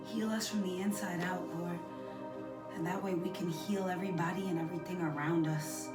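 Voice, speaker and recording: A young woman hosting a faith and fitness challenge, praying earnestly and encouraging listeners while she holds a wall sit. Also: fairly low pitch. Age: young adult. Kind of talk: spontaneous prayer and workout encouragement. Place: small indoor room at home. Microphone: camera a few metres away. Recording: echoey room far from mic, loud music behind. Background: meditation music.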